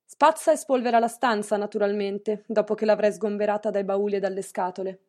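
A woman's voice: mid-range voice, fairly even intonation, brisk, dark tone, lightly acted. A woman reading an audiobook, voicing a stern, wealthy middle-aged mistress who speaks curtly and severely. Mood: commanding. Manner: curt, severe, clipped.

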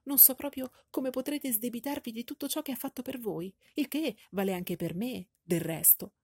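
A fussy, excitable middle-aged mother who frets and gushes, her voice pitched up high and shrill, as a woman reader puts her on. The tone stays dark and a little husky underneath. It is recorded dry and close, like a studio audiobook. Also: moderate pace, dry recording. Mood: effusive. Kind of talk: audiobook character voice.

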